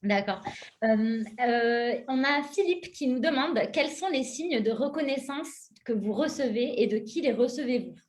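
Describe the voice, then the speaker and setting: A woman's voice: fairly high pitch, lively intonation, a little slow, a little mellow. A woman moderating an online round table, reading out audience questions with many hesitations.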